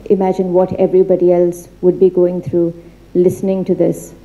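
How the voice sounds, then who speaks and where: A woman giving an earnest seminar talk in an institute library, halting often with fillers and restarts. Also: fairly low pitch, dark tone, muffled recording. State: becoming emotional. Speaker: seminar speaker. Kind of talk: formal seminar talk with slides.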